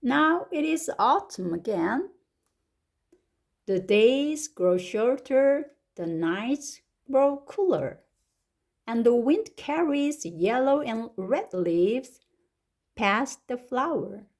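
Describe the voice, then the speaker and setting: Slowly and deliberately, a Korean-accented woman reads an English children's story, stretching every word. She's a picture-book reader and teacher, and her slightly high voice lifts eagerly with lively rises on exclamations whenever the story gets exciting.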